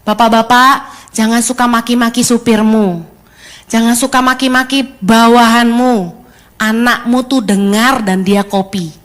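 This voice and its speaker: A middle-aged woman pastor, preaching a sermon in an animated way and mixing in English phrases. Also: sits high.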